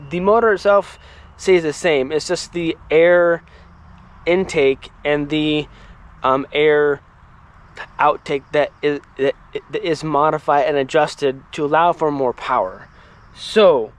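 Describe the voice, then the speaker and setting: Chatty man with a higher voice. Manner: chatty, rambling asides. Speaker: firewood channel host. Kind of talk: casual equipment demo vlog. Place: outdoors in a yard with logs.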